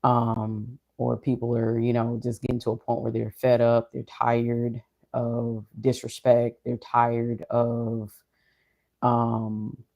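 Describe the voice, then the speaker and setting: A vlogger shares personal reflections in a casual monologue. The voice is mid-pitched, dark and mellow, with little melodic movement. Delivery is subdued, low in energy and unhurried. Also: completely flat delivery, gravelly. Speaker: streamer or vlogger.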